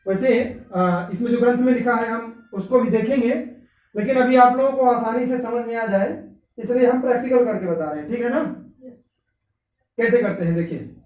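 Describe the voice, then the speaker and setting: A man with a very high voice teaches Sanskrit grammar in a classroom. He sounds out each letter and keeps quizzing his students. He is recorded from a distance in an echoey room. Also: normal speed, a little mellow. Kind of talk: classroom lesson. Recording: echoey room, mic from afar.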